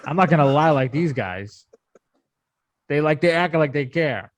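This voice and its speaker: A man's voice: a little high, lively intonation, a little slow. Teasing man on a podcast. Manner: teasing, wry banter. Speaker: podcast co-host. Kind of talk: casual chat.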